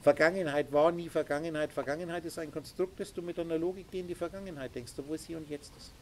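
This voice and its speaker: A man's voice: a little high, steady tone, quick pace. A man lecturing a small group as their spiritual teacher, emphatic and insistent, with faint noise behind him. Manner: emphatic, lecturing, with sound effects.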